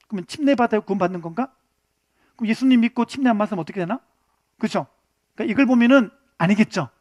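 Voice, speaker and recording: High-voiced man teaching a Bible class. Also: no echo. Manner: animated, keeps asking the class questions. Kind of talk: interactive Bible lesson. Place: church classroom.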